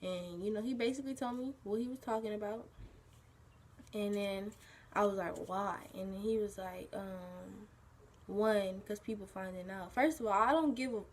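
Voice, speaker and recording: A teenage girl with a husky just-woken-up voice, telling a personal story as a vlogger in a rambling casual way, full of "like" and "you know". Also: medium pitch, moderate pace, slight background noise. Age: teens.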